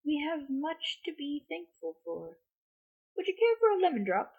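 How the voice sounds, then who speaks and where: Woman reading as gentle old wizard Dumbledore, muffled. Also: high-pitched, huge pitch swings, moderate pace, voice pushed up. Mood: genial. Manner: mild, unbothered, courteous. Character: gentle, calm, whimsical old male wizard. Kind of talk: amateur storybook character reading. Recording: muffled lo-fi audio.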